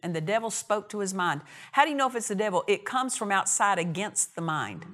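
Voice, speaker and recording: A woman's voice: medium pitch, sing-song, a little fast, fairly bright tone, a little hiss or hum. A woman preaching a sermon in a church, with emphatic repetition and short punchy phrases. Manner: emphatic, repeats key phrases, acts out quoted dialogue.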